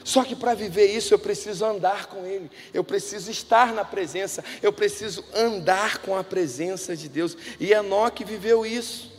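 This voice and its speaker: A man preaching a sermon in a church, telling stories conversationally and swinging between hushed and loud delivery. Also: sits high, normal speed, hardly any pauses, a little hiss or hum. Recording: reverberant hall with music.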